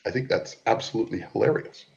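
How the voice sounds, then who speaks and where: Guy with a cold running a conference call, kinda low voice, dull lo-fi call audio. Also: expressive, fast, vocal fry, darkish tone. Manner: chatty, mocking, repeats himself. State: has a cold, coughs when laughing. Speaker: host. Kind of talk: online group call chat. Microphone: computer call mic.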